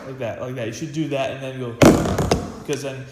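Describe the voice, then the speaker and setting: With a medium-pitched, fairly even voice running a little fast, a teenage boy who plays percussion gives a laid-back snare drum practice lesson, full of fillers and restarts as he rambles. He's in a practice room with a drum pad, captured with heavy hiss and echo.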